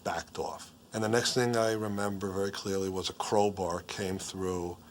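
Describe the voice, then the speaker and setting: A man giving interview testimony in a low, subdued way. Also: steady tone, normal speed, slight background noise. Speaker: interviewee, survivor.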